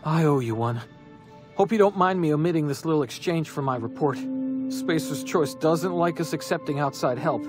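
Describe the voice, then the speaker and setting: An actor playing a wounded, hapless corporate guard in a video game, chatty and colloquial in a pained way. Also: male voice, on the high side, moderate pace, music in the background, lightly acted. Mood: pained, rueful. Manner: colloquial, slogan-reciting, pained. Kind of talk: video game character dialogue.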